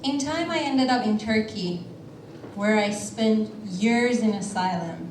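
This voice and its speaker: A woman from Iran telling a personal story on a theater stage in a measured way, with deliberate pauses. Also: medium pitch, slight background noise. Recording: roomy theater sound from a distance.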